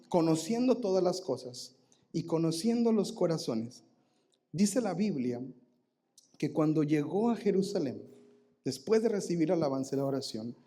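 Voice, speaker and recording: A man with a Mexican Spanish accent preaches a live sermon in church. His voice sits a touch high yet sounds dark and mellow. He is animated, calling the congregation to read verses aloud with him. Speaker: pastor. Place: church sanctuary.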